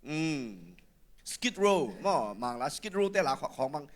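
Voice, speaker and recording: A man talking through feedback on a singing performance, with coughs and quick laughs along the way. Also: fairly high pitch, lively intonation, slight background noise.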